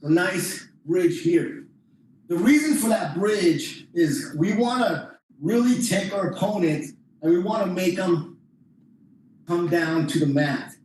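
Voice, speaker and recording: This male instructor's voice is high and darkish, with lively intonation and a slow delivery. He casually explains jiu-jitsu moves one step at a time while demonstrating in an indoor training room, recorded from afar on a camera mic amid strong echo and slight noise.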